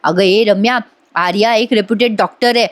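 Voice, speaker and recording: A woman's voice: mid-range voice, moderate pace, natural voice. A woman voicing an old-fashioned middle-aged mother who exclaims in shock at modern ways.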